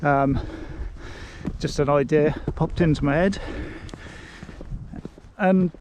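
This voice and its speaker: An English man hosting a casual walking vlog outdoors on coastal cliffs, talking in a slow, relaxed, chatty way and getting out of breath on the hills. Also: a little high, slight background noise. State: out of breath on a hill. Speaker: vlogger host.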